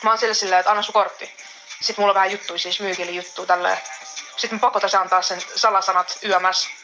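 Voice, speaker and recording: A woman's voice: medium pitch, steady tone, music in the background, rough recording. A woman streamer chatting to her viewers, giggly and profane as she daydreams aloud. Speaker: live streamer. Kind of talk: casual live-stream talk to chat.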